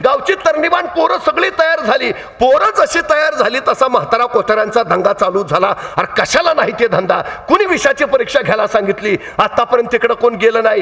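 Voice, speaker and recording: A male orator giving a motivational public lecture full of storytelling, dramatic and swinging between hushed and shouted emphasis. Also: extremely high pitch. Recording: echoey hall.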